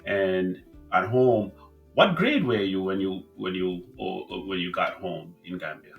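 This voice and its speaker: A man hosting a casual interview podcast, friendly and halting, with many restarts and fillers. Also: sits low, expressive, gravelly, highs cut off, faint music behind. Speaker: podcast host.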